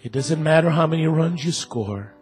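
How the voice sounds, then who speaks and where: Male church storyteller, slightly high voice, unhurried and deliberate, soft instrumental music behind. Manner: slow, deliberate storytelling, building in excitement.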